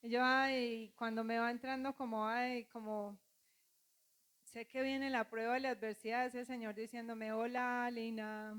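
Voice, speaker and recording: A woman's voice: on the high side, steady tone, moderate pace, a bit bright. A woman pastor preaching a sermon, calling on the congregation to repeat after her and acting out quoted voices.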